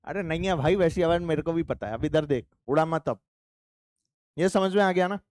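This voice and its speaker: A male physics teacher lectures in a classroom with a high, lively voice. He jokes with and teases his students as he explains. The sound is crisp and dry, with almost no room echo. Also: normal speed. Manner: playful, chatty, teasing students.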